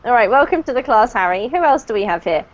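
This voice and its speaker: A woman's voice: a little high, expressive, fast, lo-fi sound. A woman from the UK who lives in New Zealand, teaching an online English class in a friendly way and laughing often. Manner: friendly, laughs often, talks over students. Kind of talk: casual online class chat.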